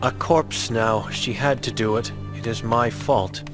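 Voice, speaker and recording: A man's voice: medium pitch, a little slow, over music, close to an everyday voice. A man voicing an old blind mute woman in a game, grim and guilt-ridden, speaking in terse, broken phrases.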